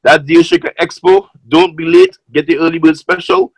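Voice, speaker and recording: A man giving an excited, exhorting motivational talk as a guest speaker on a conference call. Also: on the high side, normal speed, vocal fry, dry recording, low-quality recording.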